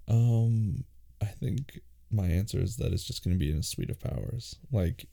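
A man hosting a casual, intimate question-and-answer show, relaxed and soft-spoken, sometimes dropping into a hushed reading voice. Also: fairly low pitch, moderate pace, vocal fry. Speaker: podcast host answering listener questions.

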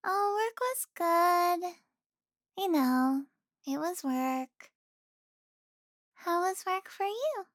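A young woman playing an affectionate, teasing girlfriend in an intimate audio roleplay, speaking softly with sighs and giggles. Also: very high voice, lively intonation, extremely slow, long pauses, no room sound, studio quality, exaggerated voice.

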